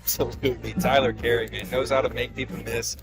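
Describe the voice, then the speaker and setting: A man in the color commentator's seat, breaking down football plays in a relaxed, conversational way. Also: medium pitch, fast, music in the background. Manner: relaxed, conversational, with fillers and restarts. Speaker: color commentator and high school coach. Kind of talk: casual analytical sports commentary.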